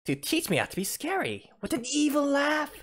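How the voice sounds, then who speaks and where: A man's voice: very high voice, huge pitch swings, normal speed, a bit bright, pitched above the performer's own voice, heavily acted. A man voicing a boastful, childish little male villain from a video game, with unhinged cartoon bluster. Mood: gleeful menace. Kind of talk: video game dialogue read aloud. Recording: game music behind voice.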